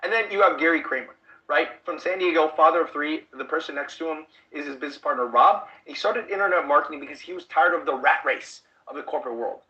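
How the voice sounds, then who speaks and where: A man from the Chicago suburbs giving an online sales webinar pitch, pushy and constantly asking the audience if they are following. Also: fast, sharp tone, lo-fi sound. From United States, Chicago suburbs. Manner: pushy, repeats rhetorical check-in questions. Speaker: online business trainer.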